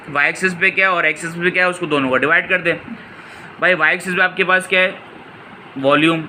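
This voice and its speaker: A man explains exam solutions in a fairly high, strikingly bright voice. He calls his students "beta" and asks questions only to answer them himself. A faint air-conditioning hum runs underneath. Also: rough recording. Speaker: physics tutor.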